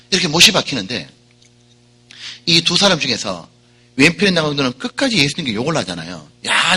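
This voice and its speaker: A man preaching a sermon, animated and emphatic, building to loud repeated appeals. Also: medium pitch, husky. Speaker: pastor.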